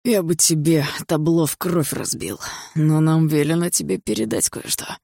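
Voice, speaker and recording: A man's voice: a little high, moderate pace, vocal fry, warm tone, no echo, clean studio sound. A man voicing a rude, threatening adult street thug in an audiobook, talking in crude slang. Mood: menacing. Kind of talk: audiobook dialogue reading.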